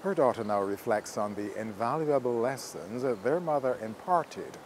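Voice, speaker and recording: Measured male documentary narrator. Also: mid-range voice, animated, darkish tone, a little hiss or hum, rough recording. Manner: measured, formal delivery. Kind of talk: scripted narration.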